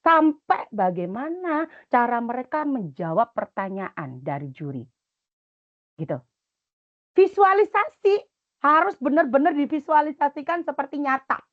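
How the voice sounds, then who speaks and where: A middle-aged woman with an Indonesian accent, coaching students and teachers in a webinar, instructive and lively, sometimes dropping to soft murmured chants. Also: a little high, phone-quality sound. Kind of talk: webinar talk.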